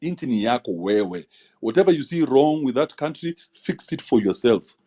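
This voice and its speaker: Bright, animated Kenyan man interjecting. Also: mid-range voice, normal speed. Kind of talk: casual discussion, code-switching.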